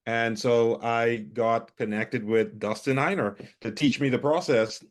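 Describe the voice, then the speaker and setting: A man's voice: medium pitch, fairly even intonation, measured pace. A man from the Bahamas, giving a casual testimonial over a video call, hesitant and full of fillers. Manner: hesitant, many fillers and restarts. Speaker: coaching student giving a testimonial.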